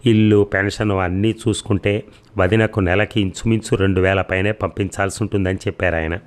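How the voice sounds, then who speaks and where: Sly, greedy younger brother, read by a deep-voiced man. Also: fairly even intonation, brisk, close to an everyday voice. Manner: sly, persuasive.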